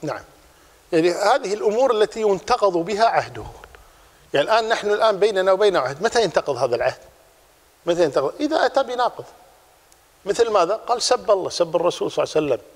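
Fast-talking male religious teacher. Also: high-pitched, in a large hall. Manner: lively, repeats key points. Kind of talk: explaining a text in a class.

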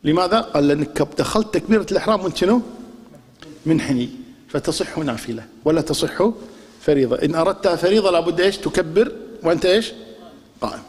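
A man's voice: a little high, expressive, fast talker. A man with a Kuwaiti accent giving a religious lesson, quizzing his listeners with rhetorical questions and demonstrating pronunciations aloud. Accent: Kuwaiti Arabic. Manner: poses rhetorical questions and drills answers with the class. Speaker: religious teacher. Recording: long reverb of a large hall.

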